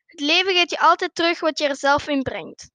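A patient, wise father in a spoken storybook, calm and instructive as he teaches his son, with a woman doing the voice. The voice sits high and bright, and it is recorded dry and close with no room sound. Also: fairly quick, no room sound. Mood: explaining.

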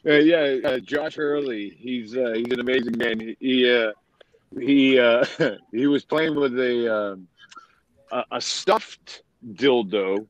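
A man from Massachusetts with a New England accent, telling loud stories as a podcast guest, swearing and laughing often. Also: medium pitch, slow pace, dry recording, poor audio. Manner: profane, laughing storyteller. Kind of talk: casual chat.

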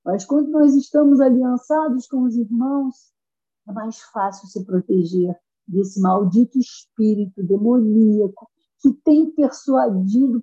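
A woman preaches with fervor, her voice slightly husky and warm, set a little high for a woman. She pushes up into emphatic peaks as she presses her points. The recording sounds dull and lo-fi. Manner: fervent, rising to high emphatic pitch. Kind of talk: sermon.

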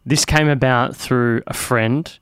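A man's voice: mid-range voice, steady tone, takes it slowly, fairly bright tone, clean tone, no echo, studio quality. A man hosting a podcast in a chatty, friendly way. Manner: chatty, friendly, restarts often. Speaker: podcast host. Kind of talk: casual podcast chat.

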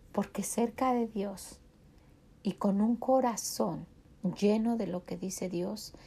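A middle-aged woman with a Mexican Spanish accent delivers a devotional sermon in a warm, mellow voice. She speaks earnestly to the listener, pressing them with direct rhetorical questions. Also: medium pitch, gravelly, breathy edge.

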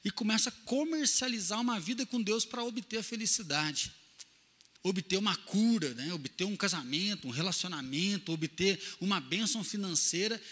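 A pastor delivers an animated sermon, asking questions and playing out the people in his anecdotes. His voice sits high and sounds bright. A long reverb from the church hall trails after his words. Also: moderate pace, breathy edge. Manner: animated preaching with acted-out quotes, asks questions.

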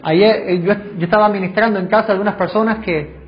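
A high-voiced man preaches briskly to his congregation during a church service, fervent and full of rhetorical questions. The recording sounds dull and lo-fi, with faint music in the background.

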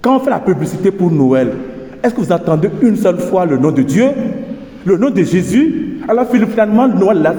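A male priest preaches slowly in a high, mellow voice that swings widely in pitch. He presses his flock with rhetorical questions and emphatic exhortation. His words ring through a reverberant church with a long echo. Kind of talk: Advent homily.

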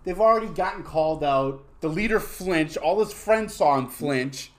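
Man, swinging lively pitch, brash, profane, stammers and repeats. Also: moderate pace. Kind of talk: casual chat.

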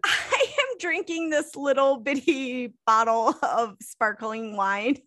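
High, animated woman with blunt sarcasm. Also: slow pace, no echo, clean studio sound. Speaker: podcast co-host. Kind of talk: casual boozy banter about a film.

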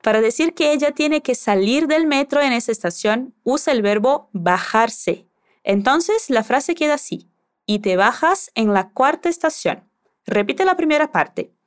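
Slow, lively-voiced woman teaching a language. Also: high-pitched, smooth. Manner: patient, encouraging, prompts the listener to repeat. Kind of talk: scripted language lesson instruction.

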